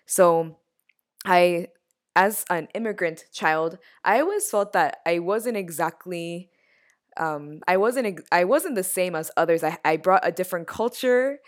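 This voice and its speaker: A woman's voice: fairly low pitch, animated, a little slow. A woman interviewing a guest, speaking thoughtfully and earnestly, with occasional small restarts. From United States. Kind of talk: reflective conversational interview.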